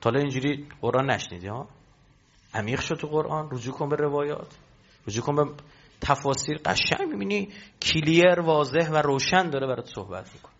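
A man's voice: fairly high pitch, a bit bright, highs cut off. A man preaching a religious sermon, emphatic and full of rhetorical questions to his listeners.

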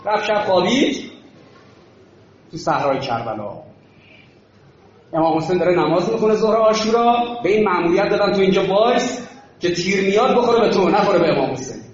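A man preaching with fervor, his voice pitched unusually high and booming back from the walls of a large hall. He swings from shouted refrains down to low asides, and the recording sounds muffled, with faint noise behind him. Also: expressive, pauses often. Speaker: religious political speaker. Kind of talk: impassioned sermon with storytelling.

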